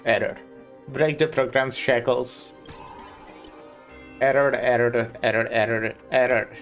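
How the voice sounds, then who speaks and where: A slow-talking streamer, a man reading game choices aloud as a glitching machine that keeps stalling on the same error word. His pitch sits in an ordinary middle range. Faint game music runs underneath. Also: level tone, fairly bright tone. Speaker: streamer playing a story game. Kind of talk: casual gameplay commentary.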